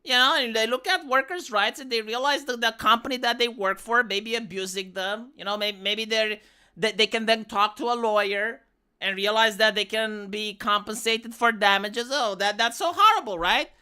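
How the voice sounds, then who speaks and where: A woman live streamer with a Romanian accent, for whom English is a second language, rants profanely and restarts often. Her voice is on the high side, bright, forceful and clean, at a moderate pace.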